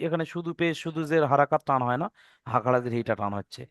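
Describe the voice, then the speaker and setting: Male reading teacher, online class; patient, spells everything out, stretches recited words. Smooth, clear voice, dry sound. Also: mid-range voice, dry recording. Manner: patient, spells out letters and vowel marks step by step; draws out recited words slowly.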